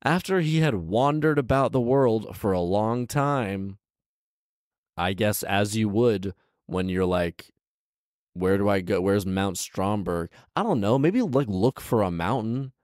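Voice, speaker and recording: A storyteller-host in his thirties reads a fairy tale in a small living room, breaking off now and then for incredulous, joking commentary, speaking close to a handheld microphone. He sounds lowish and a bit mellow, with lively intonation, a measured pace and no room sound.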